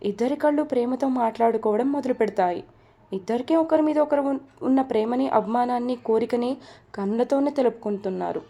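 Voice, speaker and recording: A woman narrating a romance story from a script in a steady, even reading voice. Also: a little high, fairly quick.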